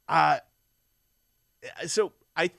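A man on a podcast who speaks a little above usual male pitch, wry and rambling as he quizzes his co-host. He is recorded close and dry, with no room sound. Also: extremely slow, vocal fry, fairly bright tone, no room sound. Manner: wry, rambling, runs quiz segments. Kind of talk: casual chat.

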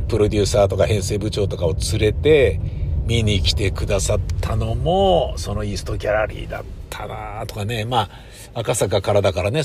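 A man's voice: lowish voice, a little hiss or hum. Wistful man telling stage memories. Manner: wistful storyteller who acts out quoted lines. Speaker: stage actor. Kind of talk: casual spoken reminiscence.

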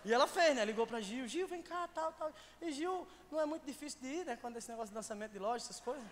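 A male pastor with a Brazilian Portuguese accent preaching in a church, telling a humorous anecdote with loud bursts and quiet asides. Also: extremely high pitch, animated, rapid-fire, a faint crowd. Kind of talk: storytelling sermon. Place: church sanctuary. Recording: long church hall reverb, faint noise.

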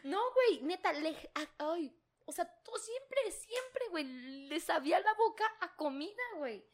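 A young woman with a Mexican accent tells crude anecdotes in a high, bright voice. She talks in slang, laughs often and acts out other people in quick bits of dialogue. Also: expressive. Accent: Mexican Spanish. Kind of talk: casual storytelling chat.

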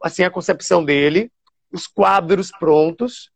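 A TV presenter from Bahia, telling stories animatedly with fillers and restarts. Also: male voice, high-pitched, a little slow, gravelly, slightly rough, no room sound. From Bahia, Brazil. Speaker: TV show presenter. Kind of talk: casual storytelling interview.

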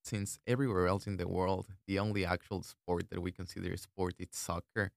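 Gravelly low-voiced young man from Ecuador. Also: little pitch movement, a little fast, dry recording, studio quality. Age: 20s. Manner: laid-back and thoughtful, with fillers like "uh" and "like". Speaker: student guest. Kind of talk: casual chat.

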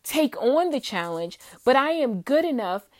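A woman's voice: high-pitched, sing-song, unhurried. A woman in her thirties hosting her own podcast, telling a personal story in a chatty, emotional way with lots of "like" and "um". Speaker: podcast host.

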